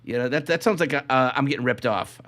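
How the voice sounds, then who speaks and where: Reading off a list and riffing on each item, a man hosts a casual comedy podcast in a loose, joking, rambling style. He speaks quickly at medium pitch with a fairly bright tone.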